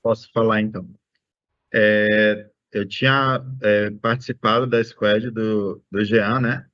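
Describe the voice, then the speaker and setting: A man from Salvador, a student introducing himself on a video call, halting with fillers. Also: fairly low pitch, fairly even intonation, a bit bright. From Salvador, Bahia, Brazil. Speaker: student squad leader. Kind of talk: self-introduction in online meeting. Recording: dry muffled call audio.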